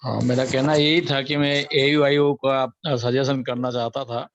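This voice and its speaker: A man's voice: medium pitch, little pitch movement, unhurried, lo-fi sound. Man, polite student on a call.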